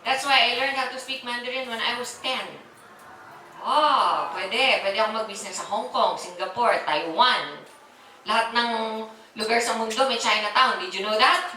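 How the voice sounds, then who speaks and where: A woman's voice: fairly high pitch, normal speed, bright, forceful tone, slight background noise. A woman in her forties with a Filipino accent, giving a live product presentation to an audience in a chatty, teasing way and keeping them answering her questions. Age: 40s. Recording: echoey hall, voice from far off, faint ambience.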